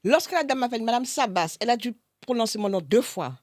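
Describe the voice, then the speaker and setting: A middle-aged woman telling a funny story to her son in a casual family chat, dramatic and lively, acting out other people's lines. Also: on the high side, quick pace, no room sound, studio quality. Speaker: mother of the host, guest.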